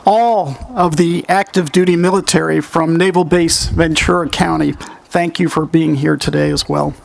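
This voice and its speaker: A man giving formal ceremony remarks as master of ceremonies, speaking in measured, courteous tones at a lectern microphone. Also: on the high side, steady tone, vocal fry, a little hiss or hum.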